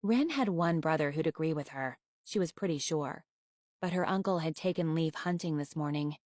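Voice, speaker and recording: A woman reading a children's novel aloud with expressive, wry storytelling. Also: sits low, normal speed, dry recording, studio quality.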